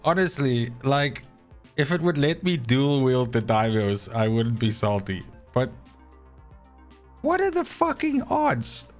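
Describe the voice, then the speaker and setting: Big pitch swings mark this man's mid-range voice, which moves at a slow pace over soft background music. He is an Afrikaans speaker from South Africa, streaming a game live and rambling to his chat with plenty of free swearing.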